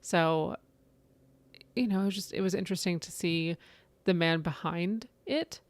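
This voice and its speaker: A woman's voice: lowish voice, a little slow, no echo. Chatty woman in her late thirties, dry sound. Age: 30s. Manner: chatty, animated, lots of "like" and "right?". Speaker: podcast co-host. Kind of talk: casual book chat.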